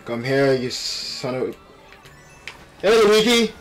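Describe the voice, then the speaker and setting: A man giving animated, playful gameplay commentary with exclamations and trash talk, speaking with a retainer in his mouth. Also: medium pitch, slow, soft background music. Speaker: gaming video host. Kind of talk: excited live gameplay commentary.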